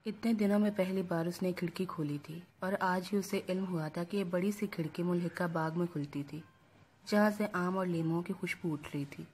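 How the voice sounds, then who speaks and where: A woman reading a novel aloud as narrator, with a steady, even storytelling delivery. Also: lowish voice, a little hiss or hum.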